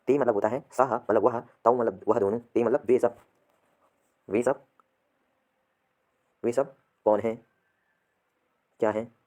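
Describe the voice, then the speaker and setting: A man's voice: mid-range voice, darkish tone. A man teaching a classroom lesson, repeating each word and asking and answering his own questions. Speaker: Sanskrit teacher. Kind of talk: classroom lesson explaining vocabulary.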